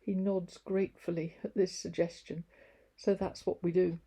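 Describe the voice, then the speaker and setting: A woman reading aloud from her own devotional book in a gentle, confiding, wry first-person tone. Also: on the low side, flat delivery, normal speed, husky.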